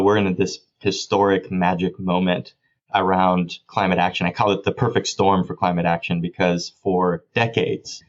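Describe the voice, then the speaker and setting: A man's voice: sits low, lo-fi sound. A man from Florida answering interview questions in an enthusiastic, fluent way. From Miami, Florida. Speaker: guest, government official.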